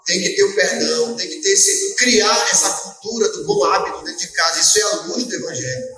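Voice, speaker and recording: A man preaching a sermon at a church service, animated, moving between shouts and quiet asides. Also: sits high, a little fast, music in the background. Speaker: apostle preaching. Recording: very echoey church hall, mic at a distance.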